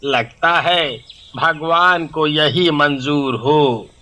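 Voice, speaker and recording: A man's voice: fairly high pitch, drawn-out words, pushed and bright, exaggerated voice. A man voicing a concerned male villager in a cartoon, speaking solemnly.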